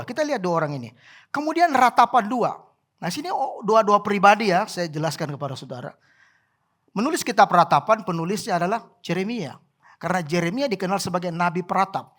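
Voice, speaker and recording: A pastor preaching a sermon at a church service, swinging from soft, quiet remarks to loud exclamations and acting out prayers and cries. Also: mid-range voice. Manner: animated, acts out prayers and cries.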